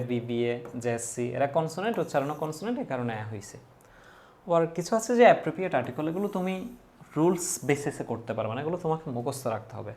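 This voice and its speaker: Male English tutor, mid-pitched, asks and answers his own questions, spells out examples slowly. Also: a little hiss or hum. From Bangladesh. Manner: asks students questions and answers them himself; slows down to read out example words one by one. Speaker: English teacher. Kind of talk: grammar lesson for exam students.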